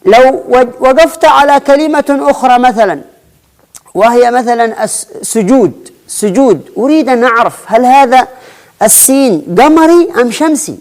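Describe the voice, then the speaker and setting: A woman's voice: a little high, expressive, a little mellow. Patient woman teaching spelling. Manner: repeats and restarts phrases, slowly spells out examples. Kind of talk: explanatory lesson.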